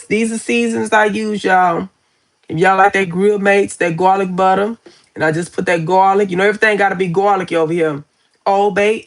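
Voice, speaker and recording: Chatty woman hosting a casual live stream. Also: medium pitch. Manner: chatty, calls viewers y'all and baby; reads viewer comments aloud and answers them.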